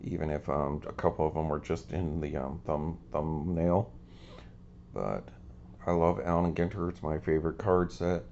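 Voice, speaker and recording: The host of a card collecting channel rambles through a relaxed show-and-tell of his cards with lots of ums. He talks at normal speed in a rumbling low voice with vocal fry and a darkish tone, slightly scratchy today, captured in lo-fi sound.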